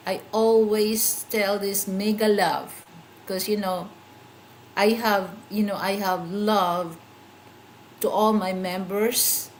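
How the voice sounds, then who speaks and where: Hosting a casual, meandering livestream chat on her channel, a middle-aged woman gropes for words now and then. She speaks with a Filipino accent, a Philippine language being her first tongue. Her voice is mid-range, with slight background noise.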